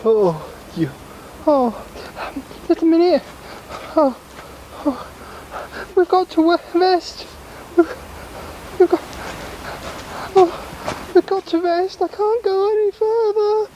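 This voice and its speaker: A man putting on a very high voice for an exhausted, exasperated male leader who keeps begging for rest. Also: expressive, slow pace, pauses often, warm tone, a little hiss or hum, exaggerated voice, low-quality recording. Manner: breathless, pleading and exasperated. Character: exhausted male group leader, frantic and complaining. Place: outdoors.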